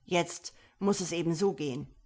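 A woman's voice: fairly low pitch, moderate pace, darkish tone, lightly acted. Woman voicing a cornered, bribed male soldier. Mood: grim.

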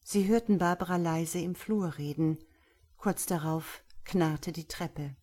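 A woman narrating a story aloud in a measured storytelling manner. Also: on the low side, steady tone, warm tone. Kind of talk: audiobook reading of a story.

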